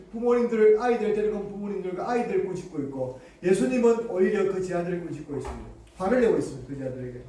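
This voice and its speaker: A man's voice: sits high, mellow. A pastor preaching a sermon to his congregation, often asking them questions and acting out scolding voices. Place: church sanctuary. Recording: echoey church room, distant mic.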